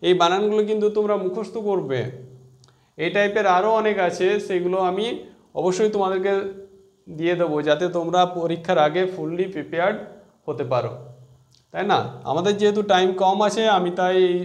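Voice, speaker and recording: Bengali male teacher, high voice, drilling exam spellings letter by letter. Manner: spells words letter by letter, repeats key words slowly. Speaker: English teacher. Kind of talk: exam-prep spelling lesson.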